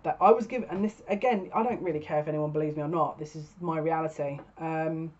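A woman in her thirties, working as a psychic reader, gives a casual spoken tarot reading to camera from a small furnished room at home. Her low-pitched voice is fast with a darkish tone. The webcam audio is dull and lo-fi.

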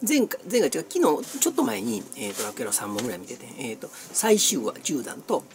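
Middle-aged Kansai vlogger, very lively intonation. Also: medium pitch, a little fast. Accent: Kansai Japanese. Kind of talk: casual snack-review vlog chat. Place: small cluttered room indoors. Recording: clearly noisy room recording with clicks.

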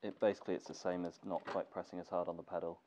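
Deep-voiced and rapid-fire, a young man congested from a cold talks casually through sewing steps in his workshop. He's a gear maker teaching the skill, relaxed and thinking aloud with fillers. Dull lo-fi camera audio with faint background noise.

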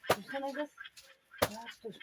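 A woman on a farm coaxing and calming her animal, repeating short calls over and over. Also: sits high, moderate pace, very noisy. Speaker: farmer tending her animal. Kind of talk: casual talk to an animal.

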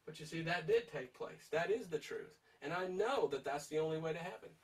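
A man's voice: a little high, expressive, brisk, far from the mic, low-quality recording. A man teaching a verse-by-verse Bible study in an emphatic, urging way, putting direct questions to his listeners.

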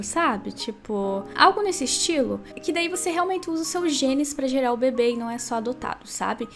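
A woman with a Brazilian Portuguese accent, chatting casually to her viewers while she plays and comments on a life-simulation game. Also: high-pitched. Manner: chatty, talks straight to viewers. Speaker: gaming video creator.

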